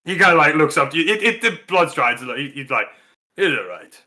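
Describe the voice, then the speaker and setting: A man runs a tabletop game as game master, his bright, crisp voice swinging widely in pitch. He narrates off the cuff, with many restarts along the way. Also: lively intonation, quick pace. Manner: rambling, full of fillers and restarts, laughs often.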